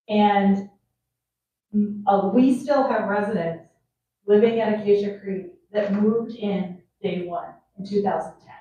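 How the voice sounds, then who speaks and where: A woman's voice: medium pitch, mellow. A woman who works at a senior community, hosting a resident panel in a chatty way, laughing often and restarting sentences. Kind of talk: casual panel talk. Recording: echoey room, picked up from far off.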